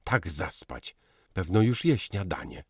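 A touchy, sentimental young husband speaks with tender feeling, read by a man narrating. His voice is low and slightly husky. It moves widely in pitch. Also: sing-song, measured pace, dry recording, clean studio sound, heavily acted. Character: emotional young husband, quick to anger and tears.

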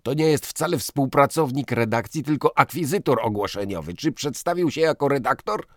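A quarrelsome, shouting editor, put on by a male audiobook reader. His voice jumps high and swings wildly as he fumes in rapid bursts. The sound is close and dry, with no room around it. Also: animated, dry recording, lightly acted. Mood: blustering, indignant. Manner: shouting, indignant, rapid outbursts. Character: blustering quarrelsome man, newspaper editor. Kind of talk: audiobook character voice.

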